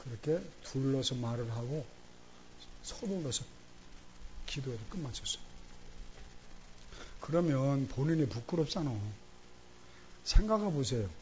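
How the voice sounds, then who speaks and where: A man's voice: medium pitch, animated, measured pace, pauses often, darkish tone, lo-fi sound, a little hiss or hum. A man preaching a Sunday sermon in a church, telling a story animatedly and acting out the voices of church members. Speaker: pastor. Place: church sanctuary during Sunday service.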